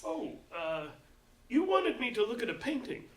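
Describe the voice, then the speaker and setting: A man's voice: very high-pitched, big pitch swings, normal speed, a bit bright, heavily acted. An actor playing a pompous, vain male associate museum director in an audio drama. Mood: smug. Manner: pompous, indignant.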